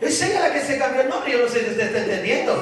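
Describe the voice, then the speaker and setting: A man from El Salvador preaching a fiery sermon as pastor, shouting and calling on the congregation to answer. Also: very high voice, lively intonation, racing, far from the mic, heavy background noise. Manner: preaches with shouted calls and call-and-response. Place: large church hall. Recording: echoey hall, mic from afar, congregation.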